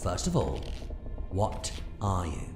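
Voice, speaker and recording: A man's voice: sits low, wildly swooping pitch, takes it slowly, heavily acted. A man playing an eccentric, commanding alien adventurer in an audio drama, theatrically swinging between playfulness and grave authority. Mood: wry, stern. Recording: echoey sound with music underneath.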